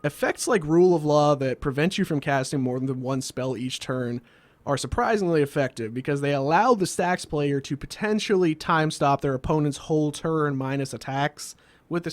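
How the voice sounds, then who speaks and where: Slightly high-pitched, a male host of a card game video series voices a scripted comedic explainer with dry, sardonic wit. It's recorded as a close voice-over, free of any room sound.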